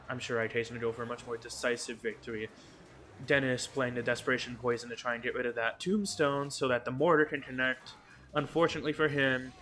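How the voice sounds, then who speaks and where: A man giving quick, excitable play-by-play commentary on an esports match, with jokey asides. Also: medium pitch. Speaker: esports caster.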